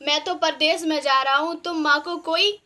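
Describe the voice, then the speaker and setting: A trusting, dutiful grown son as a woman storyteller voices him speaks earnestly and plainly. The voice stays high and bright. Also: steady tone, normal speed.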